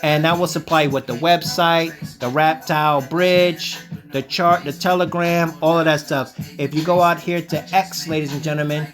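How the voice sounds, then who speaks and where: A man hosting a crypto video, walking viewers through websites on screen in a self-assured, lecturing way, often saying "ladies and gentlemen" and "okay?". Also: on the high side, steady tone, normal speed, faint music behind. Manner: self-assured, calls himself the sensei. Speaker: crypto channel host. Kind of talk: screen-share crypto commentary.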